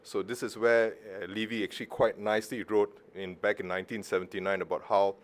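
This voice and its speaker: A man's voice: on the low side, flat delivery, fairly quick. A middle-aged man from Malaysia, a surgeon giving a conference talk in a casual, joking way with self-deprecating asides. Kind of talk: conference presentation.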